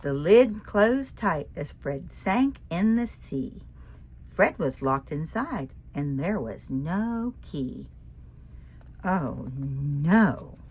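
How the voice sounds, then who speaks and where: A woman with a deep, husky voice reads a rhyming children's picture book aloud very slowly. She is expressive and sing-song and asks the listener questions.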